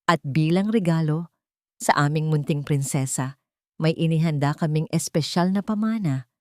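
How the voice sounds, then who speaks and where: This woman voices a rich fiancée in an audio drama, sounding poised and sweet, though the sweetness is false and her distress theatrical, and she delivers dramatic lines sprinkled with English. Her voice is low-pitched and lightly acted, at a moderate pace. The studio recording is clean with no room sound.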